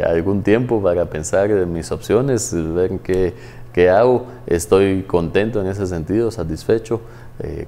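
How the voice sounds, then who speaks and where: A man in his thirties, a studio interview guest who explains in a measured way with many hesitant fillers. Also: low voice, dark tone. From Guatemala. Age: 30s. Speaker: guest, former tax agency head.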